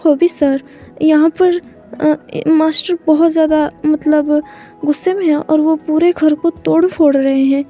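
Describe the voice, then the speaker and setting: Woman playing an old servant, anxious, hesitant, high voice. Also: fairly even intonation, a little slow, mellow, faint music behind.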